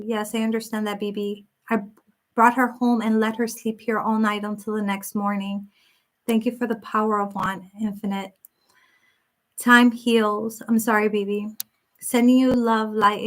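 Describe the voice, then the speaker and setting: A woman hosts a psychic reading live stream and talks casually with her viewers. She reads their comments aloud and answers with gentle sympathy, often restarting her sentences. Her voice sits a little high. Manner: talks in loose, restarting sentences with many fillers.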